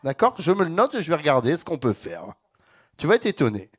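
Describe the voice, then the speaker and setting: A man with a fairly high voice hosts a live radio show from the studio. He presents in an upbeat way and reads out listener messages. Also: very animated, fairly quick. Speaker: radio host.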